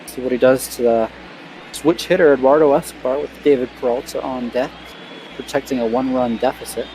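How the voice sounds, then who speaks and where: Relaxed man calling baseball play-by-play. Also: medium pitch, a little fast, slight background noise, rough recording. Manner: relaxed, chatty, self-deprecating. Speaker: play-by-play commentator. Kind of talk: casual play-by-play of a simulated game.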